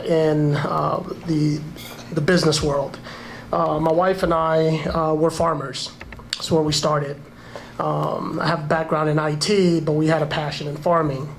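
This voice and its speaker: Casting: businessman, higher flat voice, hesitant speech, faint room noise behind. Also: low-quality recording. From Panama. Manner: halting, many fillers. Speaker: event sponsor, businessman. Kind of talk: speech at a gala.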